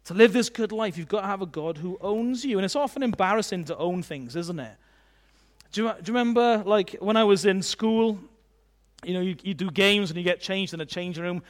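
A man's voice: sits high, a little fast. A man preaching a sermon in a chatty, conversational way, often adding tag questions.

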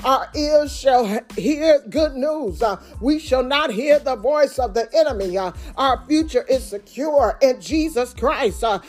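A woman's voice: sits high, expressive, measured pace, few pauses, a little mellow, soft background music. A woman leading a fervent spoken prayer in a chanting cadence, starting many phrases with "uh". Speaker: prayer leader.

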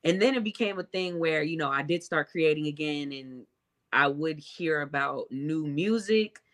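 A woman who is a guest musician in a casual interview, explaining herself in a thoughtful, hesitant, measured way. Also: low voice.

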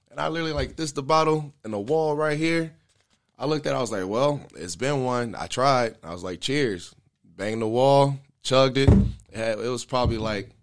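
A man candidly telling a personal story in a casual interview, earnest and slangy, with loose fillers. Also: on the low side.

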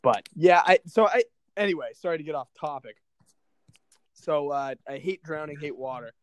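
A man's voice: on the high side, normal speed. A young man co-hosting a podcast, telling a story in a loose, casual way and swearing now and then. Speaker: podcast co-host.

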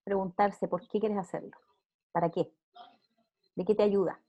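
A woman's voice: mid-range voice, fairly even intonation, moderate pace, dark tone. A woman speaking earnestly in a casual faith interview, preaching with emphatic repeated phrases.

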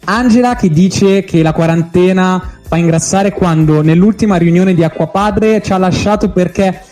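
A man with a high yet very mellow, soft-edged voice hosts a casual podcast chat. Faint music plays behind him. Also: normal speed. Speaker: podcast host.

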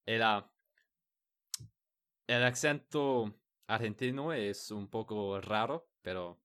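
A man's voice: fairly low pitch, takes it slowly, a bit bright, smooth. A man in a casual chat, speaking hesitantly, restarting words and searching for the right ones. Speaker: conversation partner. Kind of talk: casual chat in a learned language.

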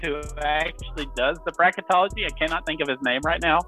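A man's voice: a little high, fast talker, sharp tone, soft background music. A man hosting a casual sports betting podcast, upbeat and chatty, laughing often. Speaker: podcast host.

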